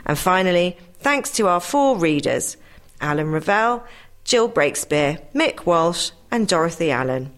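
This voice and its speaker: A woman presenting a talking newspaper in a clear, measured reading voice. Her pitch sits on the low side for a woman, and she reads notices and thanks in a steady, even manner. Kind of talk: read-aloud announcements and joke.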